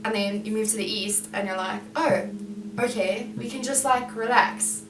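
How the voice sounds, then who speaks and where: A young South African woman co-hosts a casual vlog, with a mid-range voice and quick, playful interjections. The sound is roomy and echoey, with the mic set back from her and music in the background. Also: medium pitch, distant mic. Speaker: vlog co-host. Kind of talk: casual chat.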